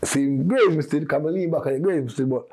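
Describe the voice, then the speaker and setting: A man's voice: fairly high pitch, fast, a little mellow, slightly rough. A man, a podcast guest telling a long story in casual street slang, rambling and restarting as he goes.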